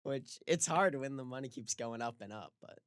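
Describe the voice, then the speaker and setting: A man co-hosting a casual sports podcast, easygoing and quick to laugh, often pausing on "um". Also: mid-range voice, smooth, dry recording, studio quality. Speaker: podcast co-host.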